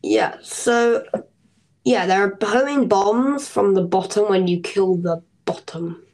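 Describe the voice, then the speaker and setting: A woman's voice: mid-range voice, a little mellow, poor audio. Rambling woman chatting about a game. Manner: rambling, halting, many fillers and restarts; explains game strategy in detail. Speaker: podcast co-host. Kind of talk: casual gaming chat.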